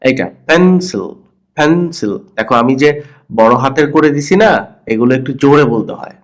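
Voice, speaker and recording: A Bangladeshi man teaching English to children with a cold, repeating words slowly and saying the first syllable loudly and the rest softly. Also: medium pitch. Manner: playful teasing of pupils. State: has a cold. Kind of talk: slow explanatory lesson for children.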